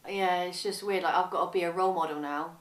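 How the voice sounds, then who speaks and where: A 22-year-old young mother talks candidly in a documentary interview, her voice on the low side with fairly even intonation. She speaks fast, informally and hesitantly, often correcting herself. The distant mic picks her up in an echoey room with faint background noise.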